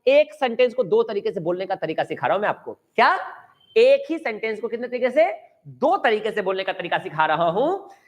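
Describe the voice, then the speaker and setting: A man's voice: high-pitched, very animated, brisk. A man from India teaching English grammar in a coaching class, mixing Hindi and English, encouraging students and repeating key words for them to say back.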